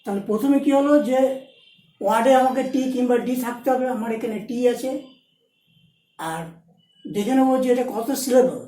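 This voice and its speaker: A woman teaching a shorthand class, explaining each rule slowly and repeating the key points. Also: a little high, dark tone, echoey room, rough recording. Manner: repeats key points, switches between Bengali and Hindi. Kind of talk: explaining rules step by step in a lesson.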